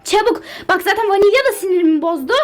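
A woman doing a shrill, bossy, hyper young model. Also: fast, faint music behind. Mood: fussy. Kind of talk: game character role-play dub.

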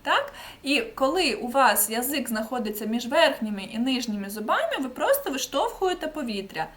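A woman with a fairly high voice teaches an online pronunciation lesson. She is patient and explains step by step, slowing down to demonstrate each sound and often checking in with the learners. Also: sing-song, fairly bright tone.

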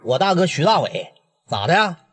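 Man doing Northeastern mob heavy, husky, blunt threats. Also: on the high side, sing-song, moderate pace. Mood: menacing. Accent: Northeastern Mandarin. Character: Northeastern gangster boss, male adult, cold, menacing.

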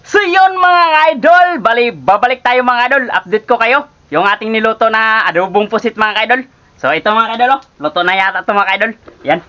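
A man hosting a casual cooking vlog, chatting to his viewers and calling them idols every few words. He is from the Philippines. His voice sits a bit high and sounds bright and forward. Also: fairly quick, no echo. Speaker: cooking vlogger.

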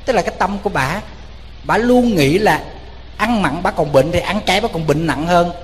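A man with a Southern Vietnamese accent giving a lively, joking sermon as a Buddhist monk, telling stories and speaking straight to his listeners. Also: sits high, moderate pace. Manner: lively, joking, addresses the audience directly. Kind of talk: storytelling sermon. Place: temple hall. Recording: long hall reverb with faint noise.

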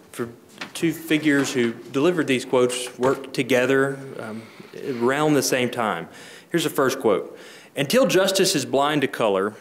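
A man moderating a panel discussion from a podium, measured and formal in a conference room. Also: mid-range voice, slight background noise. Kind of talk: moderating a panel, reading quotes. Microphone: podium microphone.

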